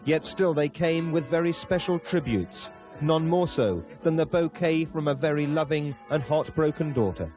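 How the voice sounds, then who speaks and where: Male news reporter, measured broadcast read, slightly high voice, clear music bed under. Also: darkish tone.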